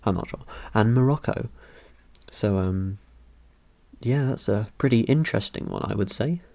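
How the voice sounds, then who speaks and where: A man's voice: on the low side, moderate pace, creaky, warm tone. A young man chatting casually about his ancestry results, rambling and joking with lots of ums and uhs. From Britain. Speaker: vlogger. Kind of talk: casual commentary over results.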